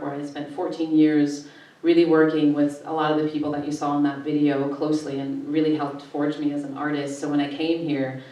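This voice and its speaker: A woman in her forties talks casually through her slides as a filmmaker on an art panel. Her voice sits low, and it is picked up from across a very echoey gallery room. The sound is distant and reverberant. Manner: relaxed, conversational, presenting slides. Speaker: panelist, filmmaker and festival director.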